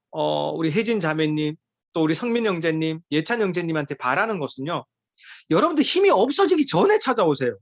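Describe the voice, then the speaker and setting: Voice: medium pitch, no echo. A preacher giving a sermon to a youth group, emphatic and pleading, with many rhetorical questions.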